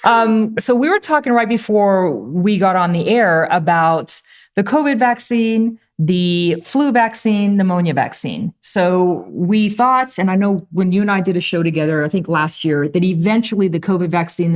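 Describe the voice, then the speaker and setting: A woman's voice: fairly low pitch, lively intonation, normal speed. A woman hosting a health talk show, chatty and joking, asking her guests long questions. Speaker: host.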